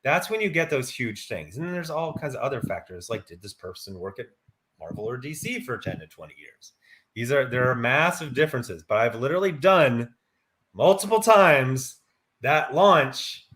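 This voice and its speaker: A man's voice: mid-range voice, big pitch swings, a little fast, fairly bright tone. A man giving his opinion in casual, conversational talk.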